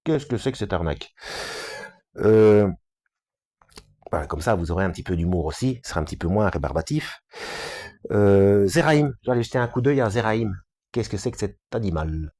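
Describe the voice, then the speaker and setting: A man's voice: fairly low pitch, lively intonation, normal speed, pauses often, mellow. A man giving an informal reading with running commentary, hesitant, full of fillers and restarts, with self-mocking asides. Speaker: presenter of a video series studying religious texts.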